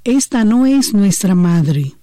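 A woman hosting a radio interview, asking calm, measured questions. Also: mid-range voice, no room sound. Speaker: radio host.

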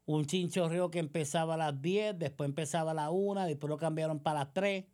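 A low-pitched, mellow woman's voice runs a little fast. She is a political commentator with a Puerto Rican accent, and her combative monologue is sarcastic, accusatory and full of rhetorical questions.

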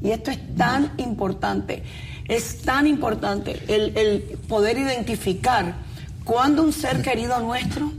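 Older woman from cuba reading listener questions on a faith show, kinda high voice, faint hiss. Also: measured pace. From Cuba, raised in Puerto Rico. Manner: affirming interjections.

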